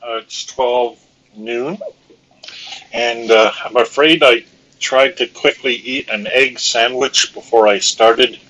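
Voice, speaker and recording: A man with the hiccups leads a live-streamed course tutorial at a slow, unhurried pace. He talks at an ordinary middle pitch, hesitating often with ums and uhs while he clicks through his screen. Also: fairly even intonation, sharp tone, a little hiss or hum, rough recording. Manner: hesitant, frequent fillers. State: has the hiccups. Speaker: online course instructor.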